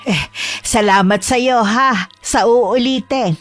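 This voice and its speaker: A woman voicing a secretive old grandmother who speaks calmly and politely, with faint music behind. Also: on the high side, slow. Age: older. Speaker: customer.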